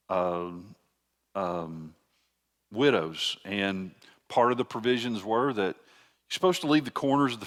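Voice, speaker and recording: An older man, a pastor giving a conversational teaching sermon with frequent restarts. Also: on the low side.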